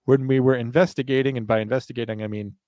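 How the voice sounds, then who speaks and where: A man in his thirties co-hosts a casual true crime podcast. He rambles and jokes at his own expense, with a sarcastic edge. His voice sits at an ordinary pitch and sounds dry and close, with no room around it. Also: fairly even intonation, quick pace, a little mellow, no echo. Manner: sarcastic, rambling, self-deprecating. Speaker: podcast co-host.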